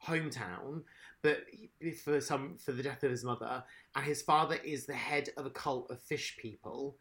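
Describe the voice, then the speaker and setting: A man in casual podcast chat, rambling and animated, swearing now and then. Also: medium pitch, moderate pace.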